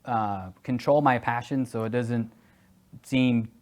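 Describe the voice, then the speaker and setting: A man in his forties answers quick-fire interview questions in a casual, conversational way. He hesitates often and fills pauses, then warms up and grows animated. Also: mid-range voice. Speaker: guest, security executive.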